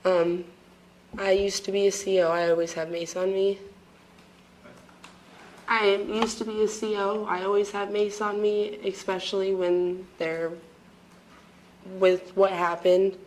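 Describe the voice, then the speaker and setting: A woman testifying as a witness in a courtroom, hesitant and apologetic, speaking haltingly with many pauses and a voice she says is fading. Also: mid-range voice, little pitch movement, a little hiss or hum, poor audio. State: losing her voice.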